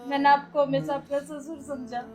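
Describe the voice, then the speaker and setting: A woman's voice: sits high, flat delivery, normal speed, faint music behind, close to an everyday voice. A woman playing a young daughter-in-law in a family drama, pleading tearfully for forgiveness.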